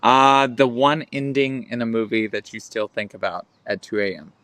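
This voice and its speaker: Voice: mid-range voice, flat delivery, moderate pace, fairly bright tone, no echo. An interviewer in a casual chat, giving brief prompts and short reactions.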